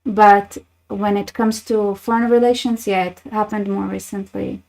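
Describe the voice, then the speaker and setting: Woman hosting her channel, chatty and wry, kinda monotone, lots of restarts. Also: mid-range voice, unhurried, creaky, rough recording. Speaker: channel host. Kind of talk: casual commentary reading posts.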